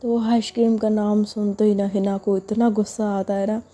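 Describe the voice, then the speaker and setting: A woman's voice: mid-range voice, level tone, normal speed, warm tone. A woman telling a love story in a chatty, casual way, with many fillers. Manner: chatty, repetitive narration with fillers. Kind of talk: casual spoken narration.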